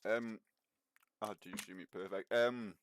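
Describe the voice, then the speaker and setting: Deep-voiced Geordie-Northumbrian man, laid-back and sweary. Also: steady tone, moderate pace, slight background noise. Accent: mixed Northumbrian and Geordie. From Northumberland, England. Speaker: game streamer. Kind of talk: casual chat while gaming online.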